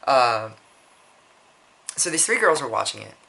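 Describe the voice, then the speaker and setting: A man's voice: medium pitch, big pitch swings, a little slow, gravelly, bright, forceful tone. A man telling a personal story in casual vlog style, rambling with frequent restarts and blunt, profane asides. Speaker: vlogger.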